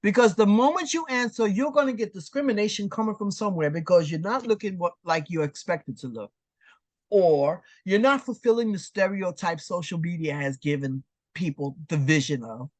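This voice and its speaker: A woman in her sixties from New York City, telling her story as an interview guest in an animated, emphatic way. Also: fairly low pitch, moderate pace, dry recording. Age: 60s. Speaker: guest artist. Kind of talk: casual interview chat.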